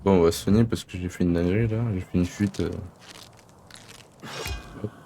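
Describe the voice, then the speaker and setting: A young man commenting casually on his game, slangy and half to himself. His voice is lowish and mellow, with faint game noise behind it. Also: fairly even intonation, normal speed. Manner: slangy, muttering to himself and viewers. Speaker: video game streamer.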